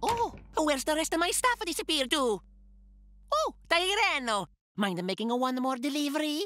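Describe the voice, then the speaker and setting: High, bustling pizza shop boss. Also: female voice, lively intonation, moderate pace, bright, forceful tone, no echo. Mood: coaxing. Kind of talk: animated cartoon voice acting.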